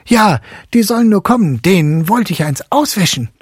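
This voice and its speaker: A man doing an excited little boy. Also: sits high, moderate pace, breathy edge, no room sound, studio quality, voice pushed up. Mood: eager. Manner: excited, boastful. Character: lively young boy, bold and eager.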